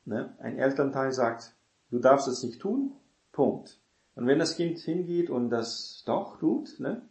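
Guy preaching casually, keeps going "ne?", restarts a lot, middle pitch, echoey room. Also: vocal fry, darkish tone. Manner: rambling, tags sentences with "ne?"; self-correcting, searches for words. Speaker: preacher teaching on parenting. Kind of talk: informal sermon.

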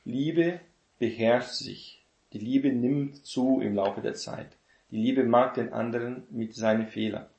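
A man giving a sermon, reading a list of contrasts slowly and repeating lines, often adding "ne?" as he teaches. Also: mid-range voice, gravelly, a little mellow, reverberant. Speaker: preacher.

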